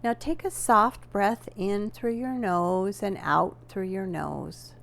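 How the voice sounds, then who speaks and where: A yoga nidra instructor guides a relaxation session, her gravelly voice sitting at medium pitch. She gives gentle, measured instructions broken by deliberate pauses.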